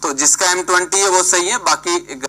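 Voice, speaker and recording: Guy teaching engineering online, super bright tone, keeps calling on students, mixes english words in. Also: high voice, moderate pace, rough recording. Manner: scolding, prodding students by name; mixes English terms into his talk. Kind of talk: online classroom lecture.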